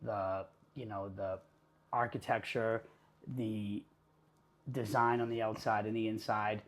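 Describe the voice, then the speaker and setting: A man hosting an interview podcast, upbeat and flattering, stringing thoughts together in long lists. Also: fairly low pitch, slow. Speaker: podcast host. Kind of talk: conversational interview.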